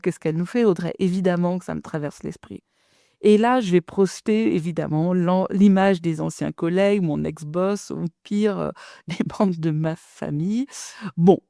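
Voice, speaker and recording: A woman's voice: lowish voice, creaky, warm tone, no echo, studio quality. A middle-aged woman business coach talking to listeners in a direct, chatty podcast monologue.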